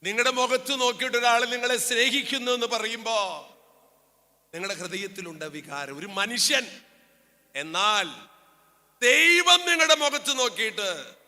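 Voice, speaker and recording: A priest preaching to families, telling a story by acting out its dialogue, jumping between loud high bursts and hushed asides. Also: male voice, expressive, normal speed, long pauses. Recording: hall reverb.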